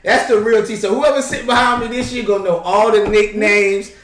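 A man with a somewhat high voice chats on a podcast with animated, playful energy, full of slang and acted-out asides. He sounds a little distant from the mic. The room around him echoes noticeably. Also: brisk. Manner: animated, playful, slangy, acts out bench banter. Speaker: podcast co-host, assistant basketball coach. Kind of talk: casual podcast chat.

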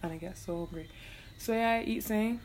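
A woman's voice: mid-range voice, brisk, a little mellow, a little hiss or hum. A young woman from Barbados with a Bajan accent, hosting her solo podcast in loose, profane, laughing casual chat. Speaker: podcast host.

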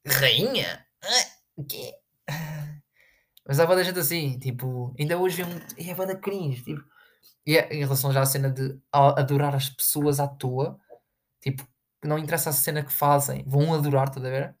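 Brief: young man, European Portuguese accent, casual sarcastic rant, rambling delivery, fillers everywhere. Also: on the high side. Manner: sarcastic, with big jumps into mocking voices.

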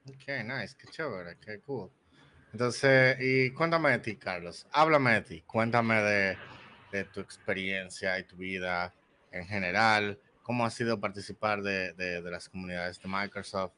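A man's voice: on the low side, unhurried, sharp tone. A man hosting a casual online interview, chatty, with many fillers and English words mixed in. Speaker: podcast host.

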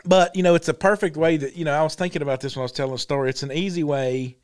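A man co-hosting a podcast, telling a funny story in an animated, laughing way. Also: fairly high pitch, racing, clean tone. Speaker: podcast co-host. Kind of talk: casual storytelling chat.

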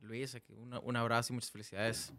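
A man's voice: medium pitch, level tone, fast talker, bright, forceful tone. A man with a Mexican accent chatting casually as co-host of a sports talk show.

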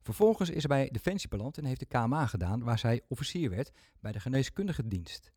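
A man's voice: mid-range voice, sing-song, quick pace, a little mellow, slightly rough, dry recording. Chatty man hosting a podcast, dry sound. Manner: chatty, self-mocking humor. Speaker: podcast host. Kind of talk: casual podcast talk.

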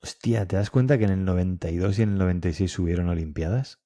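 A man in his thirties from Spain talks in a very deep, dark and husky voice. He jokes and swears casually as a podcast co-host, guessing answers in a quiz. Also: quick pace. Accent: Spanish from Spain. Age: 30s.

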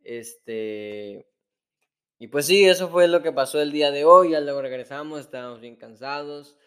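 Man, casual chat, filler-heavy, bright tone. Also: a little high, moderate pace, clear, resonant tone. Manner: chatty, many fillers like "este", laughs often.

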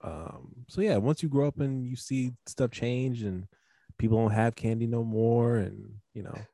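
Young male podcast host, relaxed chatter, dry close call sound. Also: mid-range voice, a little slow, vocal fry, no room sound. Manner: laid-back, lots of fillers, exasperated laughs. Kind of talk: casual chat. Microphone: video call.

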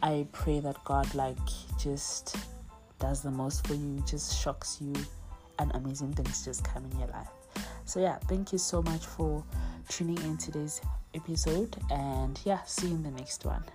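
A woman's voice: low-pitched, fairly even intonation, a little slow, over music. A young woman hosting a podcast, talking in a chatty, heartfelt way with lots of "you know"s. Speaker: podcast host. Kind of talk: casual encouraging monologue.

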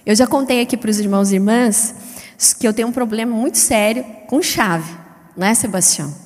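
A middle-aged woman preaches in a high voice, lively and chatty, swinging between loud peaks and soft asides. Long reverb from the church hall trails every phrase. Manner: lively, chatty, wide swings in pitch and loudness; self-described fast-paced. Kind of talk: sermon.

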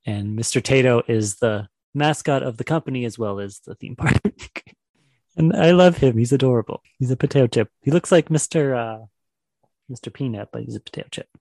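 Guy with a kinda gravelly voice hosting a podcast quiz, chatty and enthusiastic, dry close mic. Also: medium pitch, a little fast, darkish tone, no room sound. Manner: chatty and enthusiastic, laughs often. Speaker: podcast co-host running a quiz. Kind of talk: casual chat.

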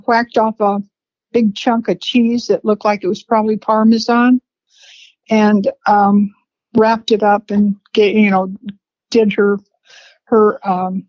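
A woman's voice: mid-range voice, darkish tone, no room sound. Woman, 70s, reminiscing, rambling storyteller, dry room, muffled lo-fi sound. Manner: unhurried, rambling storyteller who laughs between memories. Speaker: interviewee, family matriarch. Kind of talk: reminiscing conversation. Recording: dry, slightly dull lo-fi sound.

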